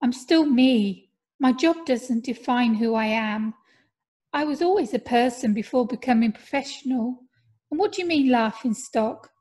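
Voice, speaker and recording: A woman voicing a young male footballer in an audiobook, earnest and reassuring, a little louder than her narration. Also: a little high, unhurried.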